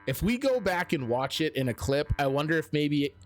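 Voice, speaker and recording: A man's voice: a little high, sing-song, moderate pace, soft background music. A man giving casual video game commentary as a streamer, thinking aloud in a musing, self-questioning way.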